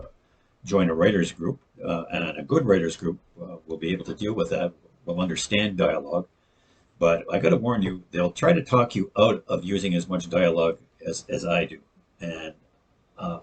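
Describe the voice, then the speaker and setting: A man's voice: sits low, normal speed, slightly rough. A man, a novelist, talking casually to camera about writing, earnest and often restarting words with frequent fillers. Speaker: novelist sharing writing tips.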